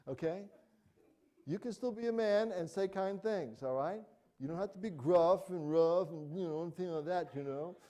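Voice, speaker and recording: Mellow-voiced man preaching. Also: high voice, normal speed. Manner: conversational, animated preaching with acted-out examples. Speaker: pastor. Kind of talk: sermon.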